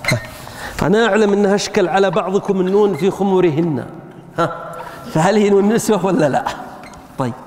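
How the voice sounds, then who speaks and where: High-voiced teacher in reverberant hall. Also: male voice, quick pace, pauses often, a little mellow, a little hiss or hum. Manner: asks the class rhetorical questions, frequent "ha" prompts. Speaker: grammar teacher. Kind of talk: classroom grammar lecture. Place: lecture room with students.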